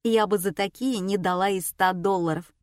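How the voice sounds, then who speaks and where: Brief: female narrator, wry first-person audiobook reading, mid pitch, dry close mic. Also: steady tone, normal speed, no room sound.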